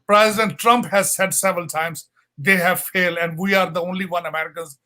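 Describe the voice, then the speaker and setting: A man's voice: high voice, steady tone, fairly quick, sharp tone. A man from Pakistan with a Pakistani accent, giving an earnest, repetitive and impassioned speech on a panel. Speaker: panel speaker, political adviser.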